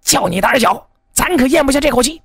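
A man's voice: very high voice, lively intonation, quick pace, husky, no room sound, clean studio sound, pitched above the performer's own voice, heavily acted. A man doing a brash, stammering young brawler. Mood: boastful. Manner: loud and blustering, then stammering. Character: brash hot-headed young brawler, stammering when scared.

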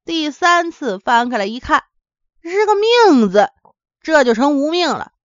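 A woman's voice: sits high, big pitch swings, a little slow, no room sound. A woman from Henan telling a folksy comic tale in a chatty way, speaking directly to her listeners. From Henan, China. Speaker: storyteller. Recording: dull, dry lo-fi recording.

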